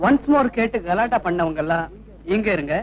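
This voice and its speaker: A cocky young singer-brawler. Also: male voice, sits high, expressive, moderate pace. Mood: commanding. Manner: cool, teasing confidence. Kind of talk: 1990s film acting. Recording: dull film soundtrack with faint noise.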